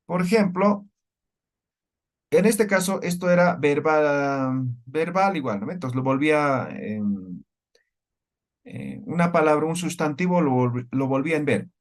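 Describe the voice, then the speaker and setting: A man teaching a language class in a fairly high voice. He walks through each point slowly and keeps tossing short checking questions to his students. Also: animated. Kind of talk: classroom lecture.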